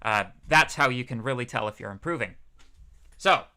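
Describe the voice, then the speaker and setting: A man's voice: medium pitch, animated, normal speed, sharp tone. A young man, a PhD student teaching a university course, giving a casual livestreamed lecture in a chatty, rambling way with many fillers.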